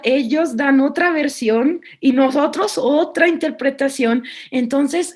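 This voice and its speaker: Italian-accented woman lecturing earnestly. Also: high voice. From Italy. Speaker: speaker. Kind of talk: academic seminar talk.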